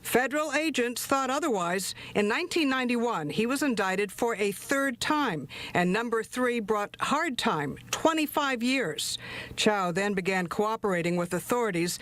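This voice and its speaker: A woman reading a scripted news report in a measured, formal way. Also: on the high side, animated, fairly bright tone.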